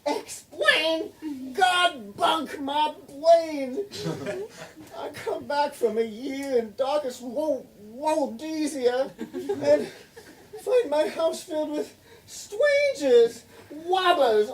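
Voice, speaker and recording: A woman's voice: high voice, expressive, drawn-out words, full character voice. A woman putting on a flustered grand lady who can't say R's. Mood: indignant. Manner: theatrical, lisping R's as W's. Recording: distant stage recording with noise.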